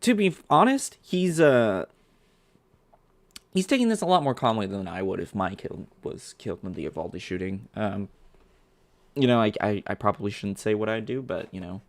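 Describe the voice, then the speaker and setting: Gravelly man ranting on a stream. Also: fairly low pitch, very animated, moderate pace, no room sound. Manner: profane, rambling, ranting with fillers. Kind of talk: live-stream reaction commentary.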